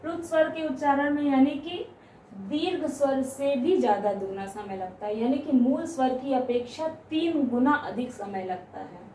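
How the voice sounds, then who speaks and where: A woman teaching grammar, explaining step by step, asking questions and answering them herself, and stretching out example sounds slowly. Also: sits high, dark tone, a little hiss or hum. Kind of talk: classroom explanation. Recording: echoey room, voice from a distance.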